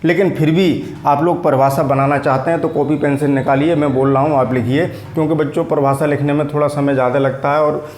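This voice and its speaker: Echoey, fairly high-voiced male teacher. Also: fairly even intonation, a little mellow, slight background noise. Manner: patient, repeats and dictates slowly. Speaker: physics teacher. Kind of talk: whiteboard physics lesson.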